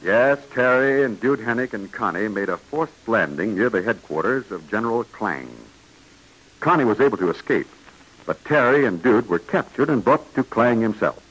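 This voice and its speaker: A man announcing an old 1940s radio serial, pitching to kids in a hearty way. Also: expressive, moderate pace, fairly bright tone, breathy edge, poor audio.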